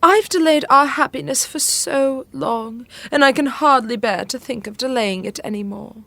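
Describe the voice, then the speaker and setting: A woman's voice: high voice, moderate pace, creaky, pushed and bright, no room sound, exaggerated voice. An actress playing an anxious, devoted middle-aged widowed queen in an audio drama, with refined, earnest and emotive delivery. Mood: pained, hesitant.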